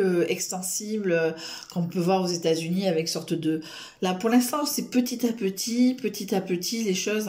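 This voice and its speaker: A woman's voice: medium pitch, a little mellow, roomy sound. A woman chatting casually to camera in a rambling, self-mocking way, full of fillers and restarts. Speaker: vlogger.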